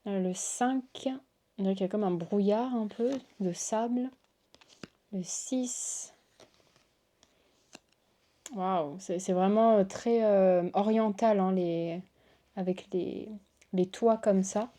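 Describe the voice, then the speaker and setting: In a warm, medium-pitched voice and at a measured pace, a woman who reads tarot and hosts a channel unboxes cards for her viewers in a casual chat. She's effusive and full of exclamations, with many a "waouh" and "oh là là."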